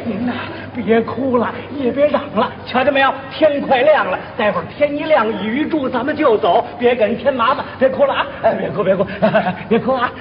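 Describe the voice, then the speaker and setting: Guy doing a squawky fussy steward, opera clown style, super high, dull lo-fi live tape with an audience. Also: a little fast, hardly any pauses, a faint crowd. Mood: coaxing. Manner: fussing, exclaiming, comic whining. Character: fussy, put-upon male steward, comic. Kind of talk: traditional opera stage comedy. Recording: lo-fi live stage recording in hall.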